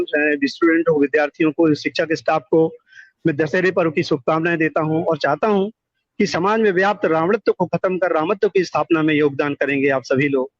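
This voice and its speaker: Heard on a dull, lo-fi call, the high-voiced middle-aged guest recounts his life earnestly and at length, leaning on repeated words for emphasis. There's no room sound in this phone conversation.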